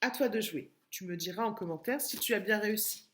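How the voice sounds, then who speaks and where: A woman with a French accent giving a remote phonics lesson to young children, with careful, clearly split syllables and patient explanations. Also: mid-range voice, fairly quick, slight background noise. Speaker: kindergarten teacher.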